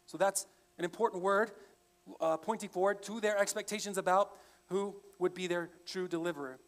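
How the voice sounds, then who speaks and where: A man's voice: sits high, a little fast, a bit bright. A male pastor preaching a sermon in a conversational, explaining way. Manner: conversational, with frequent restarts. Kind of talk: expository sermon.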